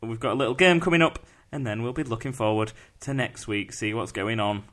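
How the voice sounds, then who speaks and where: A man's voice: mid-range voice, brisk, a bit bright. A man hosting a casual podcast, joking and laughing with his co-host. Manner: jokey, laughs a lot. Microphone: headset.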